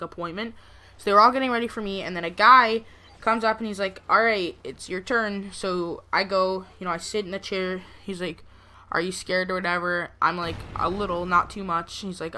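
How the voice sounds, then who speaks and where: A young woman talks casually, as in a personal gameplay commentary. Her voice is bright and sharp-edged, at an average pitch for a woman. She rambles through her story with plenty of conversational filler. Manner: rambling, frequent "like" and "you know". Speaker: gameplay video creator.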